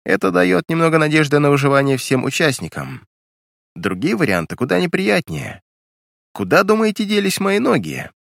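A man voicing a grumpy, legless old male ship engineer who talks in a grumbling, matter-of-fact way, pitched higher than his own voice. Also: big pitch swings, normal speed, vocal fry, a bit bright, no echo, studio quality, heavily acted. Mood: dryly wry.

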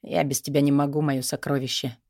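A woman reading the part of a teasing, tender young male demigod, speaking low and hushed. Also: unhurried, no room sound, studio quality. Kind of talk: audiobook character voice.

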